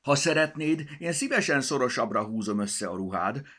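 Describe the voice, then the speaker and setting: A man voicing a cheeky male talking coat button in a children's storybook, teasing and quick to take offense. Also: fairly low pitch, very animated, a bit bright, pitched above the performer's own voice. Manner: teasing, touchy.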